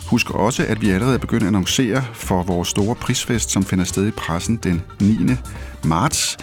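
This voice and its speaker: A male host of a literature podcast, talking in a relaxed way with many fillers. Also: on the low side, soft background music. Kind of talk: casual radio talk.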